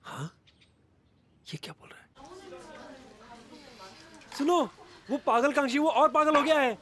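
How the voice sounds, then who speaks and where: A man's voice: extremely high pitch, animated, measured pace, fairly bright tone, heavily acted. An actor dubbing an exasperated male teacher who scolds a troublesome student. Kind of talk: Hindi dub of a TV drama.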